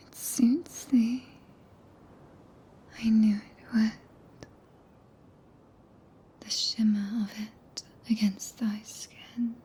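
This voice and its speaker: A British woman playing a regal, tender, possessive witch in a soft, breathy, intimate ASMR whisper close to the microphone. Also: on the high side, flat delivery, heavily acted. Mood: tender, solemn. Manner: slow, solemn, intimate, deliberate pauses. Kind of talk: ASMR roleplay, archaic scripted speech. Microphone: close binaural ASMR microphone.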